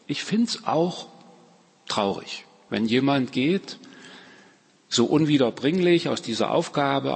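A man's voice: medium pitch, gravelly, slightly rough, in a large hall. A man preaching a farewell sermon as pastor, emphatic and given to repeating key phrases.

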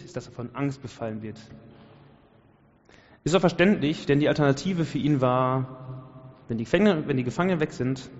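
A man's voice: medium pitch, a little mellow. A man preaching a sermon, passionate and colloquial, building to emphatic peaks. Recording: dull sound with long hall reverb.

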